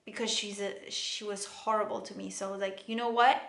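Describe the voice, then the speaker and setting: A young woman from Cyprus with a Greek Cypriot accent, chatting casually to camera in an animated, laughing way from a bedroom. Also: medium pitch, a little fast, vocal fry. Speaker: vlogger. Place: bedroom, indoors. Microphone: camera in front, close framing. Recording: echoey room with faint music.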